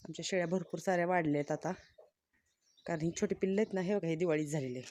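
Chatty farm vlogger woman, low voice. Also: racing, a little mellow. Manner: chatty, talks to viewers and scolds the animals. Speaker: village vlogger. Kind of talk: casual farm vlog narration. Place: outdoors on a farm with goats and chickens.

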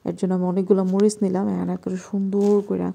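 A woman from Bangladesh with a Bangladeshi accent, narrating a home cooking vlog in a soft, quiet voice at night in her kitchen. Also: medium pitch, level tone, fast, gravelly, husky. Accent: Bangladeshi Bengali. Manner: talking softly and quietly at night.

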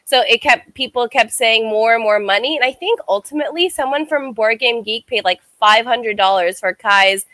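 A woman's voice: fairly high pitch, normal speed, few pauses, bright, forceful tone, dry recording. A woman from the United States, a guest streamer, telling stories casually in an interview and saying "like" often. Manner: chatty, heavy use of "like".

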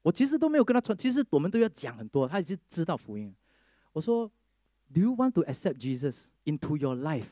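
Male preacher, storytelling testimony, slightly high voice, dry close sound, acts out the people in his story. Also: fast, no room sound. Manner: lively storyteller who mixes English phrases into Mandarin.

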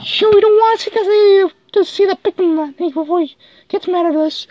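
A woman voicing an excitable young kid who squeals and chants toy names in a homemade toy skit. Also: very high-pitched, normal speed. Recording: dull lo-fi recording with background noise.

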